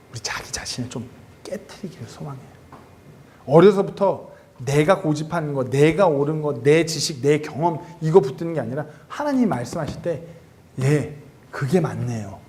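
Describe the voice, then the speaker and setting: A man preaching a sermon as a youth pastor, animated and acting out bits of dialogue. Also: a little high, slight background noise. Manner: animated, acts out quoted dialogue.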